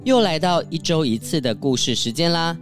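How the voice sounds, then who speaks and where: A man's voice: a little high, animated, moderate pace, over music. A man hosting a children's story show, cheerful and friendly. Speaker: host.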